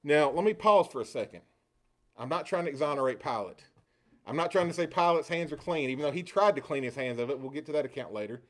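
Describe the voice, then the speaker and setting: A man's voice: fairly high pitch, expressive, fast talker. A man preaching a sermon, asking rhetorical questions and acting out quoted lines with rising inflection.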